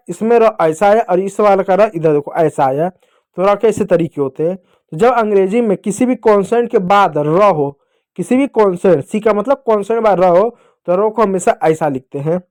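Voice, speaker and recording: A man's voice: high voice, normal speed, a little mellow. A male teacher with an Indian Hindi accent, giving a lesson to children and patiently repeating points and answering his own questions.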